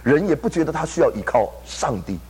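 A man's voice: fairly high pitch, expressive, brisk, a little mellow, husky. A man preaching a sermon, telling a story animatedly and acting out the people he quotes. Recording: long hall reverb.

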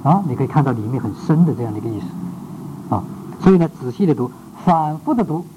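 A man's voice: medium pitch, animated, fast talker. A man teaching a devotional class as a Bible teacher, full of "ah" fillers and rhetorical checks, dropping English words into his speech. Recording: dull lo-fi recording with faint background noise.

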